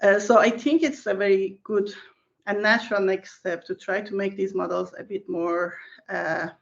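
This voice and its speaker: A research scientist whose first language is Persian answers interview questions over a video call, thoughtful but full of fillers and restarts. Her medium-pitched voice is steady, at a moderate pace, with vocal fry, and the recording is muffled.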